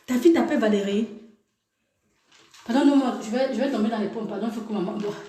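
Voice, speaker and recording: A video commentator with a slightly high, mellow voice talks fast while teasing and scolding a clip, laughing in between. It's mocking reaction commentary, recorded in an echoey room with a bit of hiss or hum.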